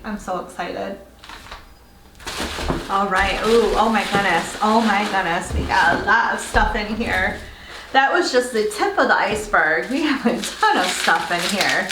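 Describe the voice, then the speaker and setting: A woman beauty vlogger chatting casually through an unboxing, gushing and excitable. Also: medium pitch, reverberant, a little hiss or hum, low-quality recording.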